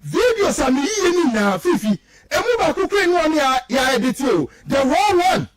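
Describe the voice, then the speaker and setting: Over a loud crowd, a Ghanaian man whose native tongue is Twi speaks fairly fast in a very high, sing-song voice. His political talk radio commentary is declamatory, emphatic and accusatory, blending English with local language.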